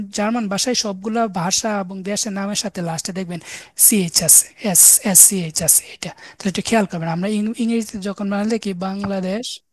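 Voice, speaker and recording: A woman's voice: medium pitch, no echo, clean studio sound. A woman giving a recorded online language lecture, explaining patiently and spelling words out letter by letter. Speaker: language teacher.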